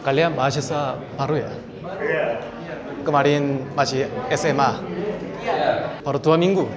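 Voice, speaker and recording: A man's voice: mid-range voice, steady tone, measured pace, over a noisy crowd. A man from South Korea, a native Korean speaker, narrating a vlog and chatting with students in a friendly way. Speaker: vlogger visiting a campus. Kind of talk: casual vlog narration and interviews.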